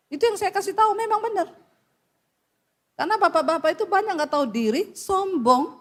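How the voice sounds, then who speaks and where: A woman's voice: very high-pitched, animated, a little fast, in a large hall. A woman pastor preaching a sermon, blunt and scolding, telling stories from her counseling.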